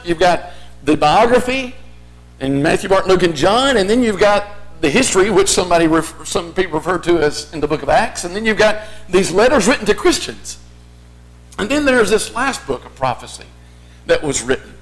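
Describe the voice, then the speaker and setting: A man's voice: high-pitched, lively intonation, a little fast, rough recording. A man preaching a sermon as a teacher would, explaining point by point and posing rhetorical questions. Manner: explanatory, rhetorical questions in imagined listeners' voices.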